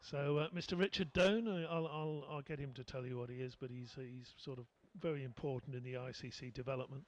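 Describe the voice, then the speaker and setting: A man's voice: medium pitch, steady tone, fast talker, highs cut off. A man doing live cricket commentary, chatty and rambling with lots of fillers, from a commentary position at the ground.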